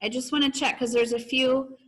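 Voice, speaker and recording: A woman with a high-sitting, brisk voice and little pitch movement teaches an online video class. Over the video call she reads aloud to her pupils and leads their discussion, encouraging them as she goes.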